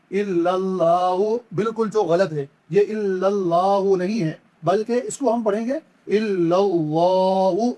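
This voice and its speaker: A man teaching correct pronunciation in a religious lesson. He explains each mistake patiently and repetitively, then chants the words slowly and stretches them out. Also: high-pitched, darkish tone. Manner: corrects errors, then demonstrates slow, drawn-out chanted recitation. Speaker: Quran recitation teacher.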